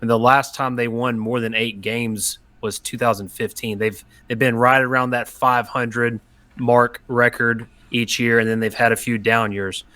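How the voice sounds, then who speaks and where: Bright-voiced male sports podcast co-host. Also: mid-range voice, level tone, no room sound. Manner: measured, explains his reasoning. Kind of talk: casual sports debate.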